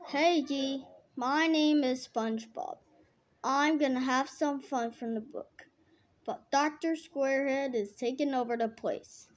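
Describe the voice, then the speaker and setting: Woman reading an upbeat cartoon sponge boy, high, slow. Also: highs cut off. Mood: chatty.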